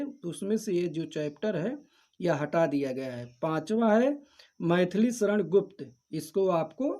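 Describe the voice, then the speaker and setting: Man, teacher, mellow low-toned voice, steady chapter-by-chapter listing, instructive, talks directly to students. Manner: methodical, repetitive chapter-by-chapter listing. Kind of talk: syllabus walkthrough lesson.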